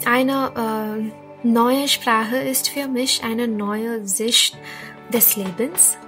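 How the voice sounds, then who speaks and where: Slow bright-voiced woman. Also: a little high, fairly even intonation, faint music behind. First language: Indonesian. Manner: careful, deliberate. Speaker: language learner.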